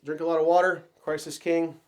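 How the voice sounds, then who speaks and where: A man's voice: fairly high pitch, flat delivery, a little fast, clear, resonant tone. A man hosting his own channel, talking casually to camera with a nasal, stuffed-up voice from a cold, rambling with lots of fillers. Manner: rambling, with many fillers and restarts. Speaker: firearms channel host.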